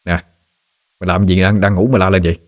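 A man voicing a brash young friend who talks in a quick, mocking way. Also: sits low, little pitch movement, lightly acted. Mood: casual.

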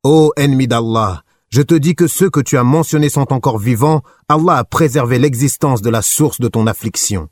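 A man's voice: mid-range voice, normal speed, few pauses, darkish tone, no room sound, pitched above the performer's own voice, lightly acted. A man putting on a fiery indignant companion. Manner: indignant, crying out. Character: fiery devout male companion answering an enemy.

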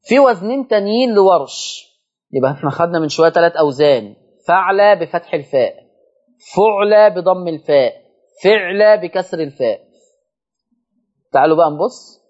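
A man with an Egyptian accent teaching Quran recitation rules on a televised lesson, chanting verses slowly and explaining in quick colloquial asides. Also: high-pitched, expressive, darkish tone, muffled recording. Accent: Egyptian Arabic.

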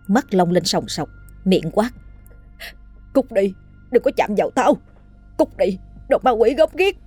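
A woman narrating a scripted horror story in a steady, measured way. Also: lowish voice, husky.

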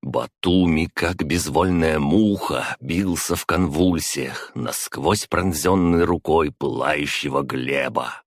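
Deep male narrator, measured fantasy reading, close dry mic. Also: no room sound. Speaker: audiobook narrator.

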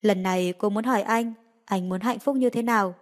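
Lady narrating a romance audiobook, even steady read, mid pitch. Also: a little fast. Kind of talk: scripted narration of a romance novel.

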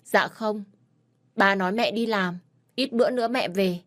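A woman's voice: medium pitch, normal speed, lightly acted. A woman voicing a young boy who pleads through tears, in a storybook reading with faint music behind. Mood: pleading.

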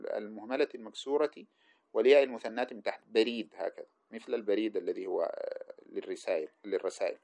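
A man's voice: medium pitch, creaky, a little mellow. A man teaching hadith sciences in a lecture, reading passages aloud and spelling out the letters and vowels of names as he explains them. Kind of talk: lecture commenting on a classical text. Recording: dull lo-fi recording.

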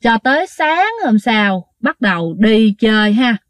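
A woman telling ghost stories to her listeners in a casual, animated way, acting out the quoted dialogue. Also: on the high side, unhurried, no room sound, clean studio sound. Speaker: ghost story narrator.

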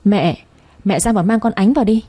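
A woman's voice: mid-range voice, normal speed, mellow, husky, no echo, close to an everyday voice. A woman voicing an angry young man who bluntly reproaches his mother. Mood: angry reproachful. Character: angry young husband and elder brother, blunt.

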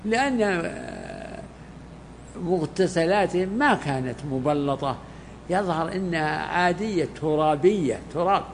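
An older man, a sheikh, explaining a classical text to students in unhurried, halting commentary. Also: fairly high pitch, animated. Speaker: sheikh teaching a hadith text. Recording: hall reverb, faint background noise.

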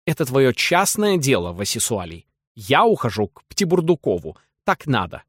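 A man voicing a cool, dismissive young wife walking out on her husband, answering curtly and calmly. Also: medium pitch, normal speed, husky, no room sound. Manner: curt and calm, at times irritated.

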